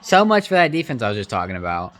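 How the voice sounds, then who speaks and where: A man giving casual, opinionated live reactions to a sports game, slangy and informal, swinging between excitement and grumbling. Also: medium pitch, fast.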